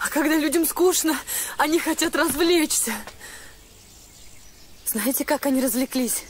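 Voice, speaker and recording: A woman's voice: sits high, unhurried, slight background noise. An actress in her twenties playing a proud, wounded junior lieutenant in a war film, intense in manner. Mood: pained, bitter. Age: 20s. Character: proud, wounded young woman junior lieutenant, trained saboteur. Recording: faint film music under the voice.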